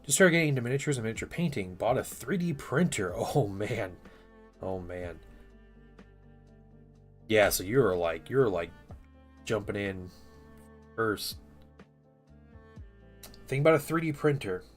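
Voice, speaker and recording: Deep-voiced man in his thirties streaming. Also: a little slow, long pauses, faint music behind. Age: 30s. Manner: relaxed and rambling, reads viewer chat aloud while assembling models. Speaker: live-streaming miniature painter. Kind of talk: casual live-stream chat.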